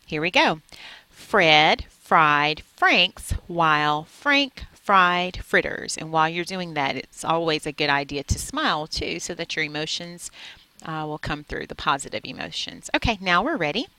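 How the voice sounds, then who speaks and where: A woman walks through a software tutorial at her computer, speaking into a headset microphone. Her voice is bright and sits a little low, and the sound is dry and close. She explains each step plainly and patiently. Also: animated, fairly quick, no echo, poor audio. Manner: clear, step-by-step instructional delivery. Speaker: teacher demonstrating software. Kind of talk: screen-recorded tutorial. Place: at a computer, indoors. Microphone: USB headset microphone.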